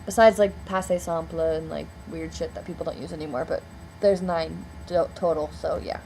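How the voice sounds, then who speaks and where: A woman's voice: deep voice, steady tone, normal speed, gravelly, a little mellow, slight background noise, low-quality recording. A young woman in a casual storytelling vlog, rambling and filling her speech with "like" and "um.". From United States. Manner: rambling, heavy on "like" and "um" fillers. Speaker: vlogger.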